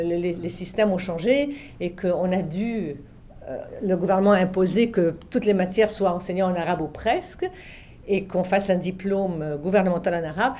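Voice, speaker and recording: Here an older woman from Egypt, native in both Arabic and French, looks back casually on her career as a literary translator. Her voice is fairly low, dark and mellow. As memories surface she muses, circles back and repeats herself, often restarting and letting her phrases fade softly.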